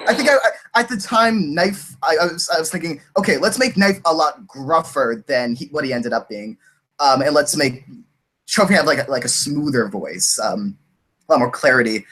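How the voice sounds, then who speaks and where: A man's voice: a little high, moderate pace, fairly bright tone. A man who voices cartoon characters, talking casually and laughing often, restarting sentences as he rambles. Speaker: voice actor. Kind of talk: casual podcast chat.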